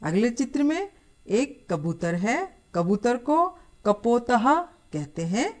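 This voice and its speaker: A woman teaching a lesson to schoolchildren, explaining slowly and patiently. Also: medium pitch, big pitch swings. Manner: slow, patient, addressing children. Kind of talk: scripted lesson.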